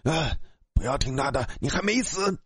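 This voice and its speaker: A man plays an earnest underworld guardian spirit in a spoken ghost story, warning with urgency. The voice is a little breathy and dry, with a lively rise and fall. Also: a little high, normal speed, no room sound. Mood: urgent.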